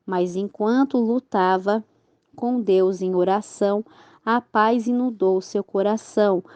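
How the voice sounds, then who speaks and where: Slow, mellow woman reading aloud. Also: mid-range voice, fairly even intonation, no room sound. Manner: slow, careful reading with occasional self-corrections. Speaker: narrator. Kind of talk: reading a religious book aloud.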